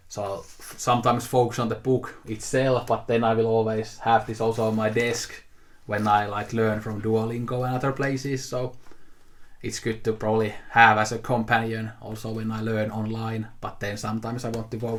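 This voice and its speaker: Here a Finnish man of twenty-eight, hosting a haul video, talks off the cuff to camera in a fairly low, flat voice at a moderate pace. He comes across as easygoing and meandering, often using fillers and starting over.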